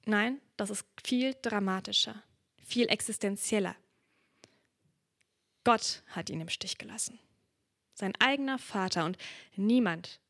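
A woman's voice: mid-range voice, a bit bright, dry recording, clean studio sound. A woman preaching a sermon in a reflective, earnest way, reading from the Bible. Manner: earnest, reflective, drops to a whisper at moments.

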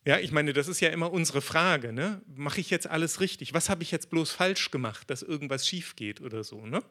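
A man preaching a sermon in a conversational, lively way, acting out quotes as he tells the story. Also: fairly high pitch, fairly quick.

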